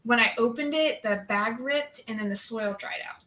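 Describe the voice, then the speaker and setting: A woman's voice: a little high, moderate pace, pushed and bright. A woman in her late thirties co-hosting a family livestream, chatting with many fillers as she tells stories. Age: late 30s. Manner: chatty, filler-heavy storytelling. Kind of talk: casual livestream chat.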